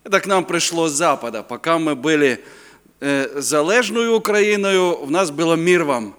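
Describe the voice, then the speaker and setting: Speaking as a guest preacher at a youth conference, this fifties-aged man from Ukraine gives a talkative, humorous sermon in a Ukrainian accent, his native language being Ukrainian, and sometimes hunts for words. His fairly high, clean, fairly bright voice has lively intonation and a moderate pace. The hall is reverberant.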